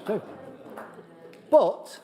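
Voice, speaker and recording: A man's voice: very slow, warm tone. Man, preacher, conversational sermon, humorous, self-deprecating, fillers, church congregation.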